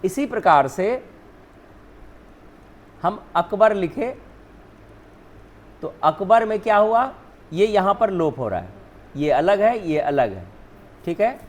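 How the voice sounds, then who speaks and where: High-voiced man teaching spelling. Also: sing-song, slow, long pauses. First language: Hindi. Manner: repeats "ठीक है ना", asks and answers own questions. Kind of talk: explaining spelling rules on a board.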